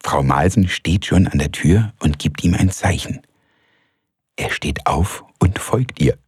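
A man calmly reading a story aloud as the narrator, in a measured way. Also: sits low, slightly rough, no echo, clean studio sound. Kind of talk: scripted audiobook narration.

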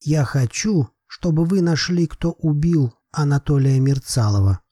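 A man's voice: a little high, animated, a little slow, mellow, dry recording, clean studio sound, pitched above the performer's own voice. A man reading an audiobook voices a proud, desperate older father who pleads emphatically in broken phrases.

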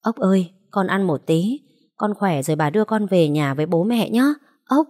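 A woman's voice: lowish voice, lively intonation, normal speed, a little mellow. A woman voicing a frantic, tearful old grandmother who pleads and coaxes. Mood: coaxing.

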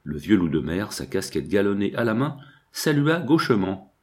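A man narrating a classic novel in a measured audiobook manner. His voice sits on the low side. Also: very animated, a little mellow.

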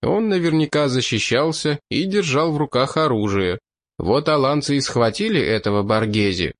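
A man voicing a calm young soldier who speaks in a plain, matter-of-fact way in an audiobook. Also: mid-range voice, moderate pace, dry recording, clean studio sound, close to an everyday voice.

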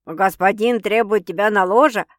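A woman's voice: medium pitch, dry recording, clean studio sound, natural voice. A woman voicing a brash, mocking big sister. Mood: teasing. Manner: mocking, blunt, quick to scold. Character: brash teasing young woman, older sister.

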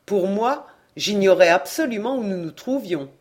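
A woman's voice: mid-range voice, moderate pace, close to an everyday voice. A woman reading a novel aloud, voicing a cheerful young sailor who tells his tale eagerly. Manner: lively, cheerful, exclaiming.

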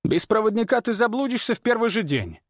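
A man voices an earnest elder mentor in a storybook reading, raised a little in pitch. He speaks in measured, grave warnings, weighing every word. The sound is dry and close. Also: very animated, no echo. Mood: anxious. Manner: measured, pleading. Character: worried older male mentor, steady and earnest.

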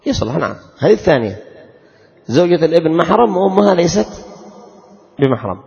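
Gravelly man teaching in a hall. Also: a little high, big pitch swings, a little mellow. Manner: quizzes students, repeats rules slowly. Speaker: Islamic law teacher. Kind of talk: classroom lesson with questions to students. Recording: dull lo-fi recording, long reverb.

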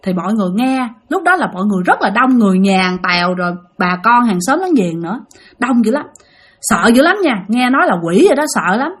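A woman's voice: a little high, sing-song, fast talker, slightly rough. Chatty woman with a Southern Vietnamese accent. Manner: chatty, addresses listeners directly. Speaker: storyteller. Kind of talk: spoken ghost story.

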